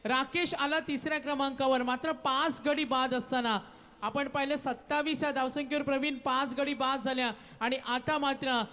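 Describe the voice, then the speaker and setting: A male cricket commentator with a high voice. He calls the play and the score through a long reverb. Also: steady tone, normal speed, sharp tone.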